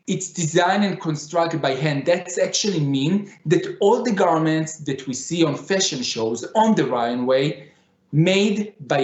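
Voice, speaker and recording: Male conference speaker, Middle Eastern accent, non-native English, lightly raised pitch, roomy echo on the sound. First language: not English. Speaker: conference speaker, digital fashion designer. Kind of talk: conference lecture. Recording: echoey room, slightly dull sound.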